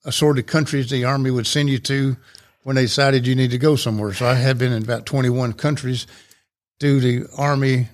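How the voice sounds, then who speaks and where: A man's voice: mid-range voice, steady tone, fairly quick. Older guy, civic club president, chats on and on, folksy, medium voice. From Rome, Georgia, USA. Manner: talkative, folksy, rambling explanations. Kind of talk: casual interview chat.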